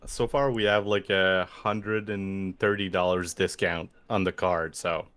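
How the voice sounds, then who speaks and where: A man with a lowish voice talks slowly and loosely as a podcast co-host. His casual chat wanders and leans on "like" as a filler, and he never hurries. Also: steady tone, a bit bright, clean tone. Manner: rambling, heavy use of "like"; reads out viewer donations.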